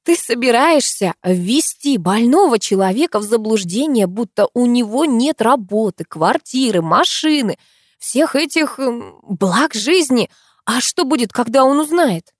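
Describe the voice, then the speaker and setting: A woman's voice: on the high side, animated, measured pace, no echo, studio quality, pitched above the performer's own voice. A woman reading a stern, sensible young woman who scolds her friends. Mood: reproachful. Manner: reproachful, stern.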